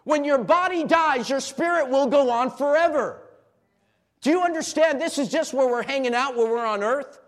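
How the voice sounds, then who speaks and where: A pastor preaching a sermon in a church and calling on the congregation to answer back. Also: male voice, extremely high pitch, moderate pace. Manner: call-and-response preaching, rising to shouts. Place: church sanctuary.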